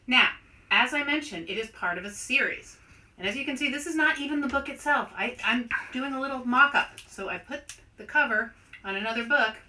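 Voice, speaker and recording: An author and host with a voice on the high side gives an animated children's read-aloud, talking directly to the young audience.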